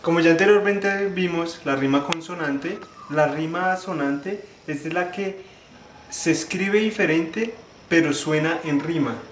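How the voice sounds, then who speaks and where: A young man giving a class presentation, explaining step by step, restarting phrases and slowing down to spell out syllables. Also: fairly high pitch. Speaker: student presenter. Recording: echoey room, faint ambient noise.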